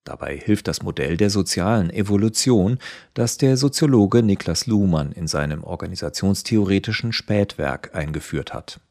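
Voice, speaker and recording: A man giving a measured, scripted reading of a written essay. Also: deep voice, animated, darkish tone, dry recording, clean studio sound. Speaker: article reader.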